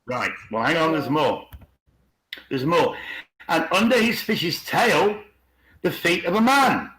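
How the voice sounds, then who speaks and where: Animated and slow, a man with a slightly high, fairly bright voice runs an informal, commentary-filled presentation over a video call. The video channel host frequently asks rhetorical questions and repeats phrases for emphasis, heard through echoey call audio.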